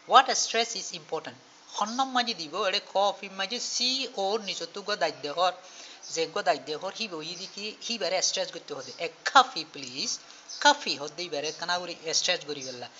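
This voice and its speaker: A teacher explaining an English lesson patiently, repeating words slowly one by one. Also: mid-range voice, pushed and bright. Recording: muffled lo-fi recording with faint hiss.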